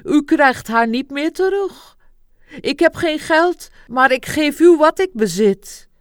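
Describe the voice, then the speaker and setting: A woman's voice: high voice, animated, slow pace, dry recording, studio quality, voice pushed up. A woman playing a trembling old doll doctor with a strange accent. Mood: emotional, tearful. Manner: odd foreign-sounding accent, sighing exclamations.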